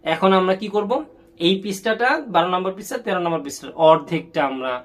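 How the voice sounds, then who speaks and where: A man teaching Quran reading step by step. He spells out letter combinations slowly, then blends them, and talks in a colloquial way with English words mixed in. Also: high-pitched, animated. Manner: colloquial, mixes English words into his talk.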